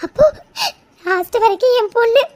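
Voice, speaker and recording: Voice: very high-pitched, moderate pace, a little mellow. A performer voicing a grieving middle-aged mother in a cartoon, sobbing and stammering as she begs her daughter. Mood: grieving, begging. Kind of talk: cartoon voice acting.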